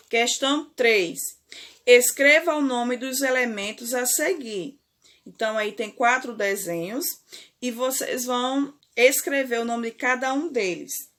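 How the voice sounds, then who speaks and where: Slow, high-voiced Brazilian woman teacher. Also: fairly bright tone. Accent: Brazilian Portuguese. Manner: slow, deliberate, stretches key words, frequent "certo?" and "ok?". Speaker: primary school teacher. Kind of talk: remote classroom lesson.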